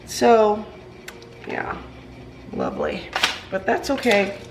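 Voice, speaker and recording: Baking in her home kitchen, a woman chats casually for a cooking vlog, sounding nasal from a cold. Her medium-pitched voice swings hugely in pitch and moves slowly, full of ums and restarts. The camera sits propped on the counter, and the background is noisy.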